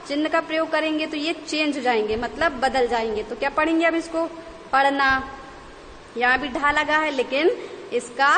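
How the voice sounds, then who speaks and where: A woman's voice: high voice, a bit bright. A woman Hindi teacher giving an online lesson to young children, spelling words out piece by piece. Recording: long reverb, faint background noise.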